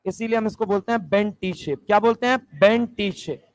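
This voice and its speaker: High-voiced man drilling a chemistry class. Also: a little fast, no echo. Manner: drills students with repeated questions. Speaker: chemistry teacher. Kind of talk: classroom lecture.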